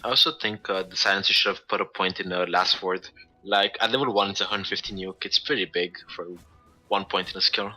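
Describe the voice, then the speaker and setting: Male co-caster, low pitch, very bright sharp tone, chatty casual analysis. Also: fairly even intonation, fairly quick, faint music behind, rough recording. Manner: chatty critiques peppered with "like". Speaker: esports co-caster.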